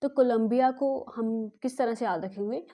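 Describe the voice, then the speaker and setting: A woman's voice: fairly high pitch, normal speed, mellow. A woman teaching an exam-prep lesson on memory tricks in a chatty way, mixing English words into her talk and checking "okay?" after nearly every sentence. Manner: mixes English words into Hindi.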